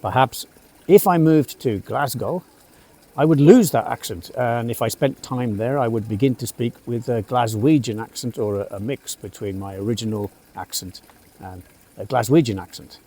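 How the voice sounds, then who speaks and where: A middle-aged English teacher from England's West Midlands, with a British English accent, gives a casual spoken lesson on a café terrace. His medium-pitched, warm voice keeps a moderate pace, chatty and sprinkled with uhs and asides.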